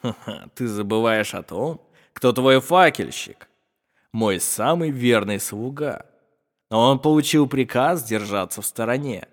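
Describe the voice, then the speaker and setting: A reader voicing a mocking, sinister male villain in a slow, gloating way, in an audiobook. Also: mid-range voice, lively intonation, big-room sound, natural voice.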